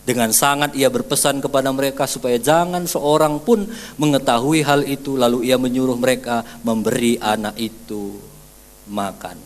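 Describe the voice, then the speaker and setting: A man pastor, preaching a sermon and acting out scenes with sudden loud high outbursts. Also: moderate pace.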